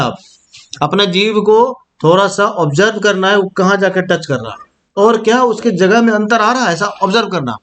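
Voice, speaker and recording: A man's voice: high-pitched, fairly bright tone. A young man teaching a Hindi grammar lesson. He pronounces each sound aloud to demonstrate it and keeps checking whether his students follow. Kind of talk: classroom-style grammar lesson.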